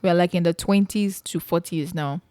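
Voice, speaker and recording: Nigerian woman co-host, expressive, acts out what people said, dry close sound. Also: on the low side, moderate pace, no echo. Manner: expressive, mimics other people's lines. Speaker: podcast co-host. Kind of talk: casual chat.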